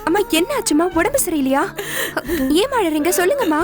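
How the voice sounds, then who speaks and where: An actress playing an anxious young woman in a television serial, pleading with a crying mother to calm down. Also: very high voice, brisk. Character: young woman, anxious caring daughter figure. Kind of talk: TV serial acting. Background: music score.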